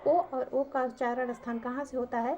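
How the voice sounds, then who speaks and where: A woman teacher with a somewhat high voice gives an exam-prep grammar lesson. She poses each question and answers it herself, repeating the key terms for emphasis. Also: little pitch movement, normal speed, dark tone, highs cut off, a little hiss or hum.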